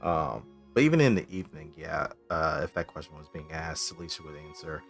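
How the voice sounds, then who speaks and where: A man with a very deep voice talks as a player in a tabletop game. He moves between casual table chat and in-character speech, with faint music behind. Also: expressive, a little fast, creaky.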